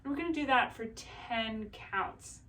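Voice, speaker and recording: A woman voice teacher calmly guiding a breathing exercise and body scan, in slow, soothing instructions. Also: a little high, distant mic, slight background noise.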